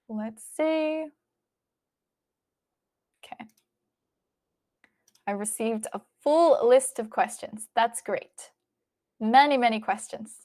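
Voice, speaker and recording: Casting: female livestream host, Australian accent, slightly high voice, informal off-the-cuff chat. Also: darkish tone. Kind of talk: casual livestream chat, reading and answering viewer messages.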